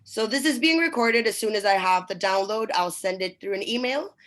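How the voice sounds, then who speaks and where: Woman, event host, brisk, businesslike, opening remarks. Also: medium pitch, fairly bright tone. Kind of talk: event introduction.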